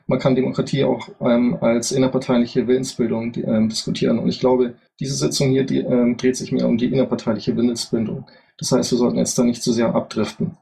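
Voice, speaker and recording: A man speaking from the audience at a panel discussion, making his points in a measured, orderly way. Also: mid-range voice, little pitch movement, creaky, mellow, husky. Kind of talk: spontaneous debate statement.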